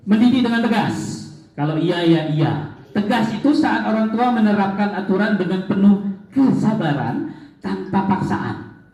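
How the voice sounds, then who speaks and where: Man w doing a parenting seminar, playful, voice jumps around, roomy dull recording in a big hall. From Aceh, Indonesia. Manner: lively and joking, swings pitch up for emphasis. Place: large hall. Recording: echoey hall, dull lo-fi sound.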